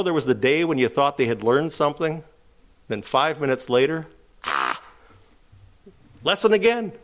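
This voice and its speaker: A middle-aged male pastor preaching a sermon, rising to emphatic, high-pitched calls between calmer stretches.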